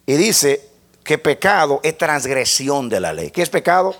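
A male preacher delivers a teaching sermon in a slightly high voice. His pitch swings a great deal as he walks through each point. He often stops and asks the listeners to say the key phrases back to him. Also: sing-song, a little slow, fairly bright tone. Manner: spells out points step by step like a lesson.

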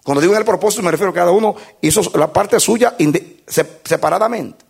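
A man preaching a sermon in an animated, emphatic way, with playful moments where he acts out little scenes. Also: sits high, quick pace, gravelly, breathy edge.

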